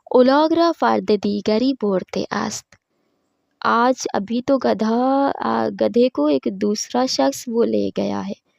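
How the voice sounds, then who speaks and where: A woman teaching Farsi with a Pakistani Urdu accent, reading Farsi lines slowly and then explaining them in a brisker, chatty way. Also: fairly high pitch, creaky, darkish tone, dry recording, dull audio.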